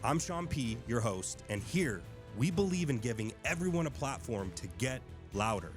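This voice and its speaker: A man reads a scripted podcast intro in a smooth, promotional way. His voice sits at a middle pitch. A loud music bed plays under him. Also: lively intonation, normal speed. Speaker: podcast host.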